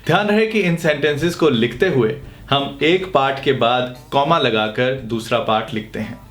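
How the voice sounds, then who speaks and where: A man teaching English grammar in Hindi, reading the English example sentences very slowly and clearly. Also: medium pitch, a bit bright, roomy sound, soft background music.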